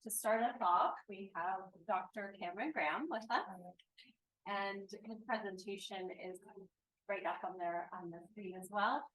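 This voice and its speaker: A woman's voice: medium pitch, a little slow, fairly bright tone, slight background noise, low-quality recording. A woman chairing a conference session, welcoming the audience and introducing a speaker in a friendly, slightly hesitant way. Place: conference room.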